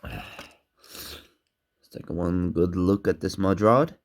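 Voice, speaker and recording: A man casually narrating a toy car unboxing in slow, halting, simple phrases, talking with a sore throat and candy in his mouth. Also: low voice, gravelly.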